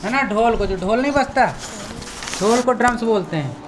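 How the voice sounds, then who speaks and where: Against background noise, an animated man with an extremely high voice talks at normal speed while teaching children vocabulary. He repeats words patiently, spells each one letter by letter, and checks that the children follow.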